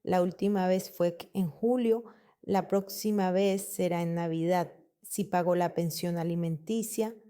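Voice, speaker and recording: A broken, ashamed father pleads in a quiet voice, read out by a woman. The tone is dark and mellow, and the story is told in audiobook fashion. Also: on the low side, steady tone, measured pace, smooth, lightly acted. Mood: remorseful. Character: remorseful broke middle-aged father, ashamed.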